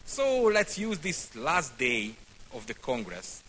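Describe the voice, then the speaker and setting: A man from Hungary, giving a speech to a congress in short phrases with pauses for an interpreter. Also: mid-range voice, wildly swooping pitch, fairly bright tone, breathy edge. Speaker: congress speaker.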